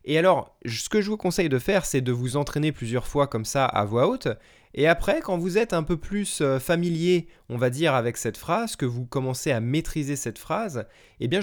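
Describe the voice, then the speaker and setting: A French man hosting a language-learning podcast, talking listeners through practice advice in a friendly, explanatory way with frequent fillers and self-corrections. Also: a little high. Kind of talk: solo podcast advice talk. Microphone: podcast microphone.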